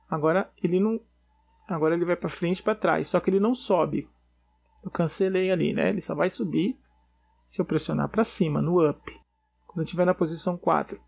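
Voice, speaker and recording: Gravelly man teaching code. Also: on the high side, muffled recording. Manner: relaxed, explains step by step with frequent "né?" checks. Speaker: programming tutor. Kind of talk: casual screencast coding tutorial.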